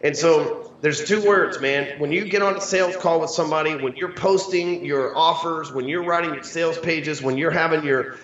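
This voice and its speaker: A man's voice: a little high, normal speed, few pauses, fairly bright tone. A man from the United States talking casually as an interview guest, brash, slangy and full of swearing. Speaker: sales coach, interview guest. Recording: roomy, distant, slightly dull microphone.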